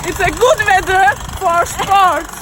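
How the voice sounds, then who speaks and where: A woman answering in slow, simple short phrases. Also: extremely high pitch. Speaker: interviewee. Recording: outdoors with traffic noise.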